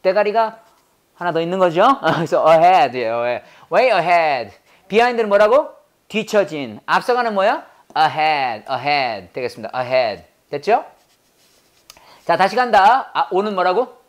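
A male teacher runs a grammar lesson in a steady rhythm of question and answer. He fires off short prompts and answers them himself. He slows right down whenever he says an English phrase. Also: high voice. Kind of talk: classroom grammar lecture.

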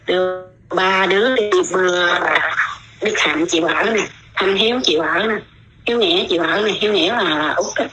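A woman's voice: on the low side, normal speed, pushed and bright, rough recording. A middle-aged woman, telling her own story in casual, rambling talk and often repeating her words.

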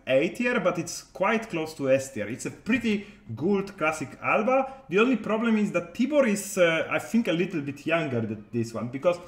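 A man's voice: on the high side, lively intonation, moderate pace, few pauses, echoey room. A man talking casually to his viewers as a game content creator, rambling with many hesitations and restarts, in non-native English.

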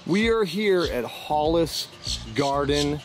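A fairly high, expressive male voice moves slowly as this vlogger from Maine talks outdoors in town. His casual, loose chatter, in a Maine accent, is full of fillers and false starts.

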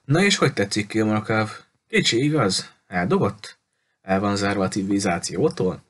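A man's voice: on the low side, very animated. A man voicing a cheerful, talkative little lady who runs a bookshop, gushing and cutting others off.

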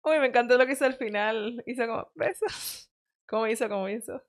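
A woman's voice: a little high, steady tone, fast talker, background noise. A young woman hosting a casual reaction chat, reading comments and joking with teasing asides and frequent laughs.

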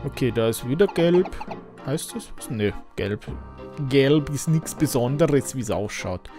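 A man giving relaxed, chatty commentary while playing a video game. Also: medium pitch, a little slow, music in the background. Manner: relaxed, chatty, frequent laughs. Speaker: let's play host. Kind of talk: casual gameplay commentary.

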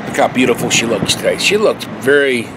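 A man's voice: mid-range voice, expressive, a little fast. A middle-aged man hosting a casual food review vlog outdoors. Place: outdoor fast-food patio. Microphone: camera at arm's length. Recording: noisy outdoor traffic background.

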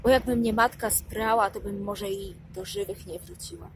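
A woman voicing a weary young older sister who speaks in hushed, muttered tones in an audiobook. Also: medium pitch, fairly even intonation, normal speed, background noise, lightly acted.

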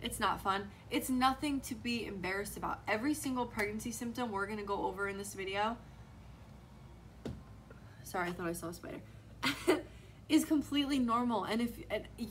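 A woman's voice: on the high side, a little fast, slight background noise, low-quality recording. A young adult woman talking casually to camera as a vlogger, speaking frankly and reassuringly and saying "like" a lot. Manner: frank and reassuring, heavy use of "like". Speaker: vlogger, pregnant mother.

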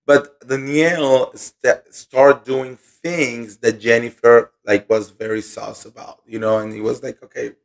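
A man hosting a gossip show, hoarse and recovering from losing his voice, chatting casually and slowly with many fillers. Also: mid-range voice. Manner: chatty, filler-heavy, "you know" and "like"; speaks slowly and calmly to spare his voice.

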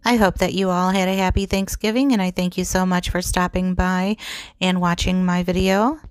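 A woman's voice: lowish voice, steady tone, moderate pace, clean tone, dry recording, clean studio sound. A woman hosting a home cooking vlog, narrating her dishes in a chatty, homey way with small laughs. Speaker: cooking channel host. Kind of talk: casual cook-along narration. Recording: music playing underneath.

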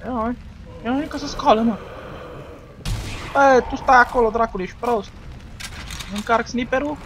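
A man gives excitable let's-play commentary in a high voice. He shouts at enemies and trash-talks them as he goes. A clear, steady noise runs behind his voice. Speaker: gaming video host.

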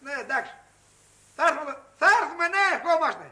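A man's voice: very high-pitched, animated, very noisy. An actor playing a bossy male repairman who barks orders and calls his helper names, in a 1980s comedy film. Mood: bossy scolding. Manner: brash, barking orders and name-calling. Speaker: tradesman fixing a roller shutter.

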